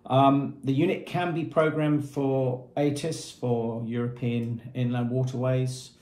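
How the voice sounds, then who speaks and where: A man in his fifties, medium-pitched with a darkish tone, speaks flatly and slowly. He's an informal presenter for a marine equipment retailer, walking through a product plainly and methodically in short phrases. He sits at a table in a small room with painted block walls, and the recording sounds echoey.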